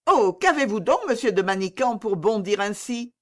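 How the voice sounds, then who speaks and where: A woman's voice: fairly high pitch, very animated, moderate pace, a bit bright. A woman reading an audiobook and voicing a haughty, impatient young princess who presses and needles with irony. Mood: imperious. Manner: haughty, pressing, exasperated, ironic. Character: imperious impatient young princess, royal lady.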